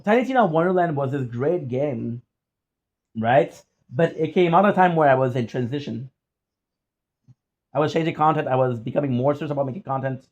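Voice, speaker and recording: A man with a French accent telling personal stories in a casual, rambling vlog style, often halting to repeat and correct himself. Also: medium pitch, darkish tone, dull audio. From France or French-speaking region. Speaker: content creator.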